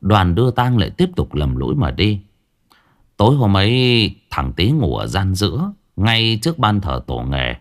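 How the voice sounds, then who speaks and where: A man's voice: sits low, very animated, normal speed. A man narrating a ghost story dramatically.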